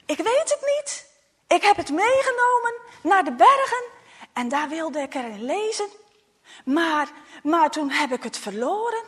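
A woman voicing a frightened young boy who pleads with his parents in a high, tearful voice. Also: sing-song, a little slow, fairly bright tone, exaggerated voice. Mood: nervous.

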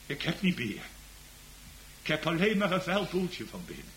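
A man preaching a sermon as pastor, swinging from hushed, intimate talk to loud, impassioned cries. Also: a little high, very animated, normal speed, a little hiss or hum, low-quality recording.

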